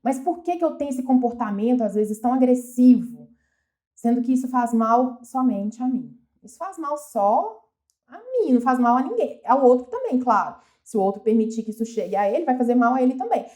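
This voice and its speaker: A woman's voice: fairly high pitch, lively intonation, fairly quick, dark tone. A woman with a Brazilian Portuguese accent giving an earnest, reflective motivational talk, often asking herself questions aloud. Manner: earnest, asks herself many questions, frequent restarts. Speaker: self-help speaker.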